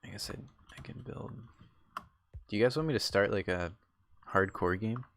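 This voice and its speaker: A man's voice: fairly low pitch, moderate pace, a bit bright, slight background noise. A young man streaming a game, chatting casually in a rambling way full of fillers and restarts. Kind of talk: casual chat while gaming.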